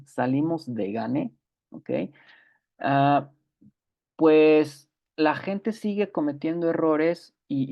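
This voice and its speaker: Gravelly man teaching English. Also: mid-range voice, lo-fi sound. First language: Spanish. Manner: explains patiently, repeats example words slowly; many fillers and self-corrections. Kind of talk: online grammar lesson.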